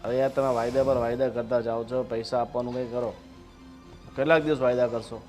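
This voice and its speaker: Man doing a gruff gujarati dad, short-tempered, music in the back. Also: mid-range voice, steady tone, brisk, a little mellow, close to an everyday voice. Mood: demanding. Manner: gruff, impatient. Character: stressed moneylender-debtor father, man. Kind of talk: Gujarati family drama acting.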